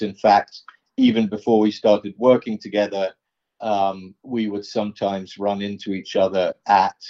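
A man, speaking as an artist guest in a casual interview, pausing often with ums and uhs. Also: fairly low pitch, mellow. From England. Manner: hesitant, many ums and uhs. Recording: dull lo-fi sound.

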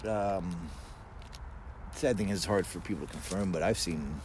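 Low-voiced male guest, casual fireside storyteller, colloquial and a bit sweary, recorded outdoors with clear background noise. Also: normal speed, darkish tone. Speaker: guest telling personal stories. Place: outdoors in a backyard. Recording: noisy outdoor ambience with vehicle sounds.

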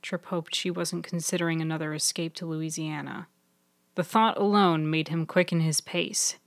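Woman reading her own serial story, lowish voice, steady measured pace, dry close mic. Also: dry recording. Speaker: author and narrator. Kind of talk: scripted audiobook narration.

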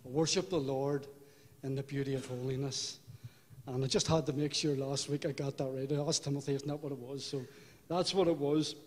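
An older man with a Belfast accent giving a personal testimony in church, unhurried and reflective, with halting restarts. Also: medium pitch, fairly even intonation, darkish tone. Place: church hall. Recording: hall reverb.

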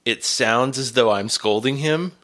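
A middle-aged man with a gravelly, congested voice from a cold, chatting casually and hesitantly as a podcast host. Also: mid-range voice, measured pace, a bit bright. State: has a cold.

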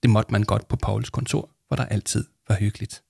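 Male storybook reader, measured, low, gravelly, dry close sound. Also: fairly even intonation, a little mellow, no room sound. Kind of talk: reading a children's storybook aloud.

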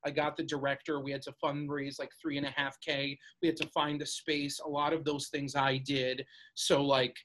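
A man's voice: a little high, little pitch movement, normal speed, hardly any pauses, a bit bright, a little hiss or hum. A young man who grew up in Brooklyn, a theater co-founder, talking chattily with lots of "like" and "sort of". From Brooklyn, New York City; born in Russia. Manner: chatty, lots of "like" and "sort of", acts out his own past remarks. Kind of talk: interview guest.

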